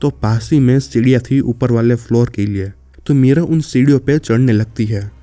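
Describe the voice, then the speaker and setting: A man's voice: mid-range voice, moderate pace, mellow, dry recording. A man narrating a horror story in a casual way, speaking directly to the listener.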